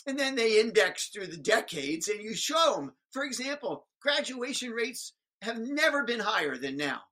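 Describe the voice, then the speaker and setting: Emphatic older speaker with a bright voice. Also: mid-range voice, sing-song, poor audio. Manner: emphatic, speechmaker's rhythm with sudden loud rises and slow stresses. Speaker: guest speaker on public schools. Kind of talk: animated interview storytelling.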